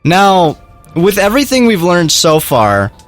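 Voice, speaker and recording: A man's voice: sits high, measured pace, faint music behind. A young man co-hosting a let's play, chatting casually and jokily while he thinks through a mystery game, laughing often. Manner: animated, jokey, laughs often. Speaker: let's play co-host and editor. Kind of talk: casual gameplay chat.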